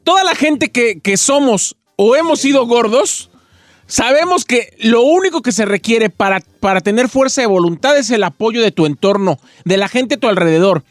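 A man's voice: very high voice, lively intonation, normal speed, no echo. A man, the show's producer, making his point earnestly and deferentially in a radio studio. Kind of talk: casual studio banter.

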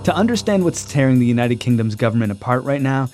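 Man, podcast host, conversational scripted narration, medium pitch, faint music behind. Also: expressive, quick pace.

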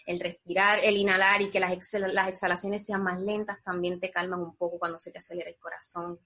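A woman's voice: lowish voice, little pitch movement, brisk, pushed and bright. A woman guest in a conversational interview, talking earnestly and reflectively, explaining things step by step.

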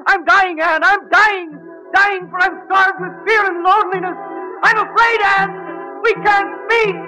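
A man's voice: high voice, expressive, fairly quick, low-quality recording. An actor playing a lonely, frightened young man, pleading earnestly in a 1940s radio play, with faint music behind. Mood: desperate. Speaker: lover in a radio drama.

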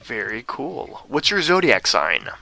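A man's voice: mid-range voice, huge pitch swings, a little slow, vocal fry, bright, forceful tone, faint music behind. A man hosting a radio interview show in an upbeat, enthusiastic way. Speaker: host.

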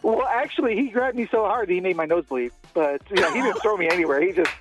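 A man calling in to a radio show, telling his story in a quick, chatty way and laughing along with the hosts. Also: high voice, music in the background. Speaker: caller. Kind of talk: casual storytelling on a call.

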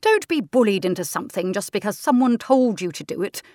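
A woman voicing a level-headed, no-nonsense aunt who speaks in a brisk, firm and plain way. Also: mid-range voice, big pitch swings, darkish tone, no room sound, studio quality, natural voice.

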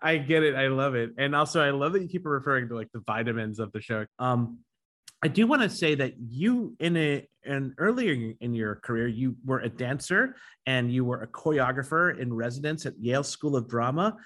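A man hosts a podcast interview in a bright, forward voice. His pitch sits in an average male range, and he puts his questions conversationally. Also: lively intonation, moderate pace.

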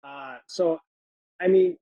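A man on a sports podcast panel ranting in an exasperated way, with halting restarts. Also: a little high, no echo, phone-quality sound. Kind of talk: casual sports podcast rant.

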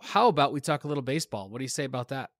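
A man's voice: medium pitch, racing, no room sound. Guy hosting a chatty pod, kinda worn out, lots of uhs and laughs, dry close mic. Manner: laughs often, filler-heavy, relaxed. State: tired from a newborn. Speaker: podcast host. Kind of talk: casual chat.

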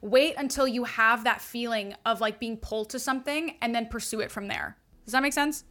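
Podcast guest coach: a woman, high-ish, quick, gushing and filler-heavy. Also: a bit bright. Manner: fast and gushing, full of "like" fillers. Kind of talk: casual podcast chat explaining astrology.

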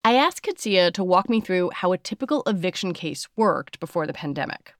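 A woman's voice: lowish voice, expressive, brisk, dry recording, studio quality. A woman hosting a podcast, moving between scripted narration and interview questions. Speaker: podcast host.

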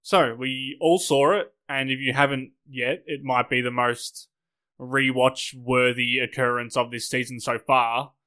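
A man hosting a podcast with a hoarse, sick voice, talking in an upbeat, wordy way. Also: mid-range voice, steady tone, measured pace, sharp tone. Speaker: podcast host. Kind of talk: scripted podcast talk.

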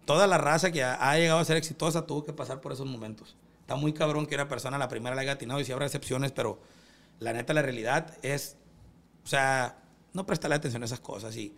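Fast-talking Sinaloan Mexican man, slangy. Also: medium pitch, fairly bright tone. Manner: slangy street talk with swearing. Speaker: podcast guest, music label representative. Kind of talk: casual motivational chat.

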